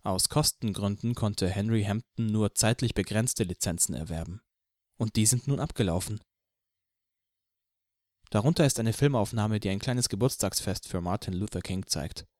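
A man narrating an audiobook in the first person, reading in a measured, even way. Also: lowish voice, dry recording, clean studio sound.

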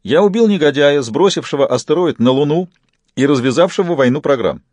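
A man reading a triumphant would-be god who taunts his enemies in loud, gloating threats. The voice sits higher than the narration and rings dry and close. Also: lively intonation, brisk, no echo. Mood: boastful.

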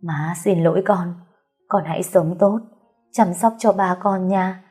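A woman's voice: lowish voice, steady tone, unhurried, dark tone, breathy edge, faint music behind. A woman reading a novel aloud voices a dying stepmother apologizing tearfully. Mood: remorseful. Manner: tearful, pleading.

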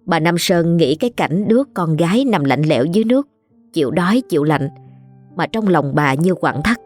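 A woman's voice: deep voice, expressive, brisk, a little mellow, soft background music. A woman, steadily narrating a ghost story.

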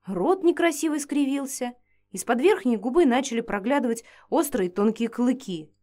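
A woman's voice: fairly high pitch, expressive, moderate pace, mellow. A woman reading a first-person fantasy story aloud in a playful, ironic manner. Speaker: audiobook narrator.

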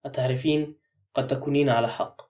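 A curt, sardonic man under suspicion, read by a male narrator. He talks fast in a dark, mellow voice. The mic sits a little far away. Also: medium pitch, fairly even intonation, natural voice. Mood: cool. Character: sharp-tongued wary man under suspicion.

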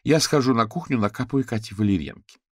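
A man's voice: medium pitch, animated, fast talker, dry recording, clean studio sound, voice pushed up, close to an everyday voice. A man voicing a kindly, motherly neighbour woman with a soothing, homely way of talking.

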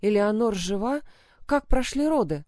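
A woman's voice: fairly high pitch, normal speed, mellow, no echo, clean studio sound, pitched above the performer's own voice, lightly acted. A woman voicing an anxious, tearful young noblewoman who speaks with urgent distress.

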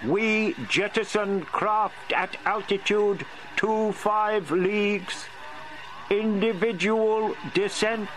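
A man reading an audiobook, voicing a powerful insect alien leader giving slow, commanding orders over a distant, static-filled radio. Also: high voice, a bit bright, pitched above the performer's own voice, exaggerated voice. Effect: static-speckled distant radio transmission.

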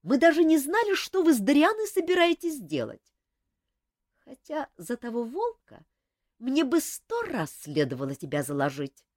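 A woman voicing a bold, inquisitive court lady who asks insistent questions in a high voice. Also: wildly swooping pitch, normal speed, darkish tone, no echo, clean studio sound.

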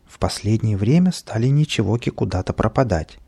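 Gravelly male storybook narrator. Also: on the low side, expressive, fairly quick, dark tone. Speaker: audiobook narrator. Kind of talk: children's storybook reading.

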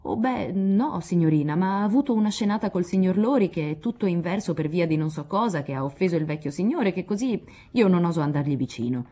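A woman's voice: fairly low pitch, expressive, a little fast, few pauses, dark tone. A woman reading aloud, voicing a flustered housemaid who rambles fretfully.

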